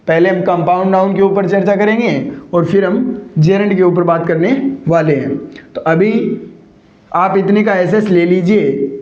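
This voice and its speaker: A man's voice: sits high, darkish tone. Man, teacher, lecture, quizzing himself aloud, echoey room, dull lo-fi recording. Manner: repeats rhetorical questions and answers them himself. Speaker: English teacher. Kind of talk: classroom lecture.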